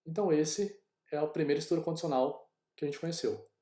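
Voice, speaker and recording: Fast and warm-toned, with a fairly high pitch, a programming teacher from Brazil casually talks his class through every step of a coding lesson. It's a screen recording made in an echoey room.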